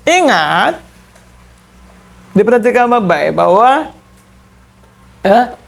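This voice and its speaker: A male teacher lectures in a classroom, going through each rule step by step. He speaks slowly and keeps checking whether his students have understood. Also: very high-pitched, vocal fry. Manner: explains step by step, repeating key terms. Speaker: Arabic grammar teacher.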